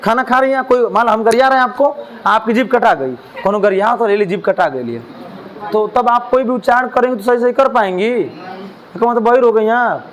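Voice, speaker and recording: High-voiced man teaching a class. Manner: asks the class questions, jokes and mimics lisping children. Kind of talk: classroom lecture. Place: classroom with students.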